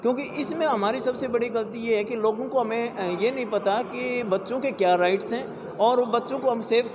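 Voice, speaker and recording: High-voiced hesitant official in reverberant hall. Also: male voice. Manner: hesitant, many fillers. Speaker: child protection official. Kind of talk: interview statement. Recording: reverberant hall with loud noise.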